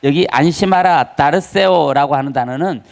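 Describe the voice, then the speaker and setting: A man pastor preaching a Sunday sermon, asking the congregation questions and rising high on key words for emphasis. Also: moderate pace, gravelly. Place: church sanctuary.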